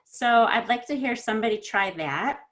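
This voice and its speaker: A woman coaching pronunciation in an online lesson, correcting students and modelling sounds slowly and encouragingly. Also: a little high, animated, a bit bright. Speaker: accent coach.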